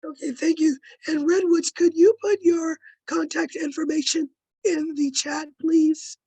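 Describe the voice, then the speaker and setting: A woman with a hoarse, raspy voice that is giving out, politely and haltingly asking a question at an online meeting. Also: high voice, fairly even intonation, warm tone, no echo, low-quality recording. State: losing her voice, hoarse. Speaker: audience member asking a question.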